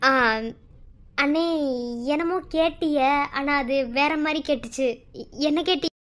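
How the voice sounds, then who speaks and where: A squeaky, bright cartoon village lad, brash and teasing. He rattles off cheeky banter and quick threats. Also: steady tone, slight background noise. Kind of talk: cartoon voice acting.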